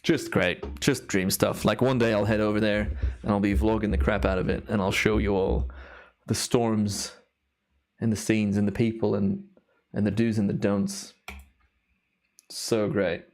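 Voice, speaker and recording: There's little pitch movement in this man's fairly low voice, and he keeps a measured pace. As a live stream host and timelapse photographer, he gives casual, enthusiastic commentary full of awed exclamations, voice a little worn from long recording hours.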